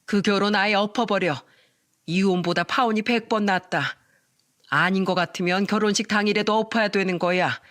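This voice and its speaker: Woman doing a firm, protective middle-aged mother, even pitch. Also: moderate pace, close to an everyday voice. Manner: firm, reassuring.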